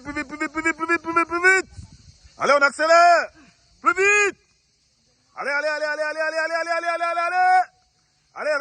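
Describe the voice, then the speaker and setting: A man coaching a timed training drill, shouting repeated urging to go faster and counting down. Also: very high voice, dry recording. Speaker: taekwondo coach.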